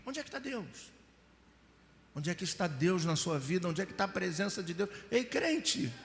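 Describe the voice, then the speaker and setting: A man's voice: high voice, big pitch swings, moderate pace, creaky. A middle-aged Brazilian man preaching a sermon, telling personal stories and acting out scenes with voices and mock crying. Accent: Brazilian Portuguese. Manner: storytelling, acts out scenes with mock crying and voices, rising to shouts. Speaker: pastor. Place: church hall. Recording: live church hall with reverb.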